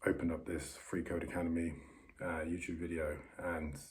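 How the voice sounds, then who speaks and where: A man in his thirties talking casually to a vlog in a very quiet voice, keeping it down as if not to be overheard. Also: low voice, little pitch movement, normal speed, noisy background. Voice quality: very quiet, hushed voice. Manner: self-conscious, keeping voice down so others nearby don't hear. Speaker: vlogger documenting learning to code. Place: upstairs bedroom in a holiday home.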